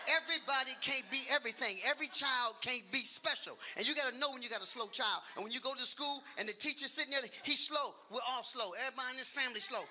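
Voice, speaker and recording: A man in his late fifties doing stand-up comedy, loud and animated, repeating his punchlines and talking to the crowd. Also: very high-pitched, fast talker, few pauses. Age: 50s. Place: comedy stage with a laughing audience. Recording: live show audio with audience noise.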